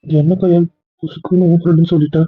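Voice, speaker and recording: A pleading, insecure young boyfriend, played by an actor, with a husky, fairly high voice. He coaxes and begs. The sound is thin and phone-like, and dry. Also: flat delivery, fast talker, no echo. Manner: coaxing, pleading. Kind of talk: web drama acting.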